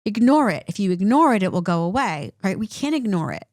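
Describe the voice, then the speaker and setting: A woman's voice: mid-range voice, quick pace, no room sound, clean studio sound. A woman clinician co-hosting a podcast, explaining points in a conversational way and often checking in with "right?". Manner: animated, repeats points with "right?".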